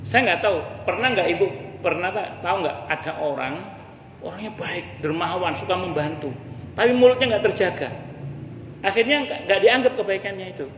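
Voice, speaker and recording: A high-voiced preacher speaks briskly and a bit brightly in a mosque hall, giving a casual, humorous religious lecture aimed directly at the ladies present. The recording has an echoey hall sound, faint ambience and slight background noise.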